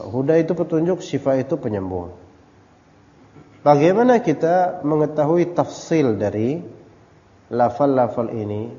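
A man teaches a religious study class in a mellow, relaxed voice, casually wandering off topic and putting questions to the listeners. He peppers his talk with Arabic terms and English words. The lo-fi recording rings with the long reverb of a large hall. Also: mid-range voice. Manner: casual and digressive, asks the audience questions. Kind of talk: religious study lecture to a live audience. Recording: echoey hall, dull lo-fi audio.

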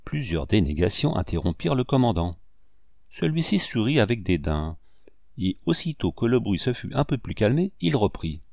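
A man narrating a novel as an audiobook in a steady, even reading. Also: on the low side, moderate pace, vocal fry, dry recording, clean studio sound.

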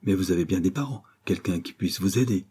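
A gentle, refined young woman from a classic novel read aloud, patient and kindly corrective, as a man lifts his husky, mellow voice for her. Her tone stays earnest and composed. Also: sits low, brisk. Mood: sympathetic.

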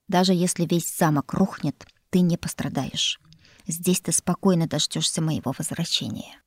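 A woman voicing a teasing, self-assured young male lord and teacher, speaking in an unhurried, mocking way. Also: on the low side, breathy edge, dry recording.

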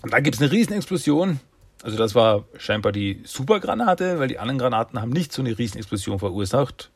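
A man's voice: medium pitch, big pitch swings, quick pace, breathy edge, dry recording. A man recapping a cartoon episode in a rambling, chatty way. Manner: rambling, chatty, acts out voices. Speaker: host.

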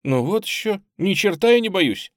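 Man voicing a young pioneer boy, eager, slangy, raised pitch, dry close sound. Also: normal speed, dry recording. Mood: earnest. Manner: lively, blunt slangy speech.

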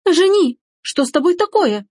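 A woman's voice: fairly high pitch, expressive, normal speed, husky, no room sound, studio quality. A woman voicing a spiteful noble mother who shrieks and snipes. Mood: shrieking.

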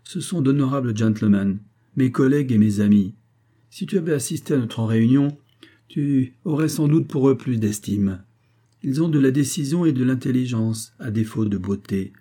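A man reading an audiobook, voicing a domineering middle-aged billionaire father who speaks forcefully and reproachfully. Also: mid-range voice, lively intonation, moderate pace, lightly acted. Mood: boastful. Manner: forceful, reproachful, rising to emphatic outbursts.

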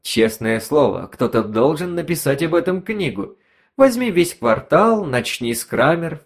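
A man's voice: fairly high pitch, big pitch swings, unhurried, vocal fry, voice pushed up, exaggerated voice. A man voicing a sly, insinuating talking device that whispers neighbourhood gossip in a story reading. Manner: insinuating, snickering.

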